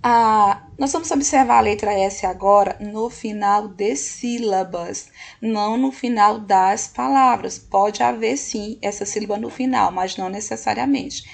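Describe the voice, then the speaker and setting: A woman teacher giving a recorded lesson, patient and slow, often checking in with "ok?". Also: mid-range voice. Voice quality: gravelly, husky voice.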